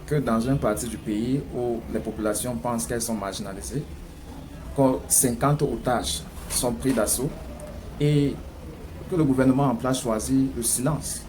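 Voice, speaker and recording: Speaking at a normal speed with medium pitch and fairly even intonation, a Cameroonian French-accented news commentator gives forceful political commentary. He leans heavily on rhetorical questions, against clearly audible background noise.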